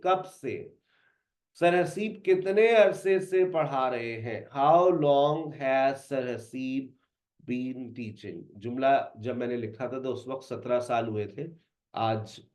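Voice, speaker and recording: A man's voice: mid-range voice, darkish tone. A man, teaching a class and repeating example phrases one after another as drills. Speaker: English teacher. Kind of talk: classroom lecture. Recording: echoey room.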